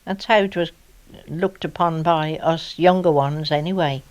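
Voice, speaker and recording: A woman's voice: low voice, steady tone, unhurried. An older woman from the Birmingham area, recalling the past in an oral history interview in a chatty storytelling way. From England, Birmingham area. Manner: chatty, warm storytelling with re-enacted dialogue.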